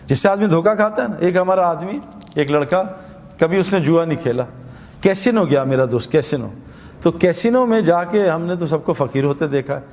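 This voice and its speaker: A man's voice: on the high side, a little mellow, big-room sound. A man giving a religious talk, telling stories and acting out quotes, repeating words for emphasis. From Pakistan. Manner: storytelling with acted quotes and repetition. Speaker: preacher.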